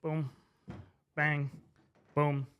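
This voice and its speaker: A man's voice: a little high, level tone, drawn-out words, narrow, tinny audio, slight background noise. A man drunkenly explaining a story to camera in a loose, slangy comedic ramble, repeating words for emphasis. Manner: emphatic, repeats names and phrases for effect. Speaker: presenter.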